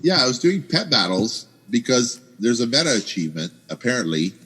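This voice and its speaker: A man's voice: medium pitch, very animated, fairly quick, fairly bright tone, slightly rough, poor audio. A man hosting a podcast on a headset mic from home, rambling enthusiastically in casual chat. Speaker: podcast host. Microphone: headset microphone.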